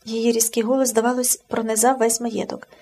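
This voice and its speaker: A woman narrating an audiobook in an expressive, measured reading. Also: on the high side, faint music behind.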